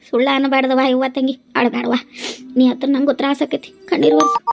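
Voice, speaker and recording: A woman's voice: high voice, level tone, fast talker, vocal fry, loud music behind the voice. A woman voicing an older motherly village woman in a cartoon, coaxing and chiding in a North Karnataka accent. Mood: consoling. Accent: North Karnataka Kannada. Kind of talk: cartoon voice acting.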